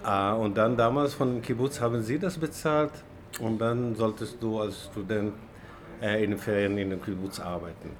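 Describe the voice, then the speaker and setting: A man from Israel, not a native German speaker, talking in a café interview with many pauses and fillers. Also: fairly low pitch. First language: Hebrew. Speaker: animation lecturer, guest. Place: small café indoors.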